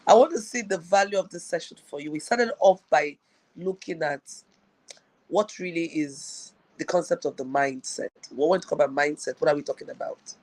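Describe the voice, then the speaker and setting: A woman's voice: low-pitched, moderate pace, darkish tone, no room sound, poor audio. A woman coach hosting a live-streamed talk show, addressing viewers directly and repeating her key phrases. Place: live online broadcast on a slow connection.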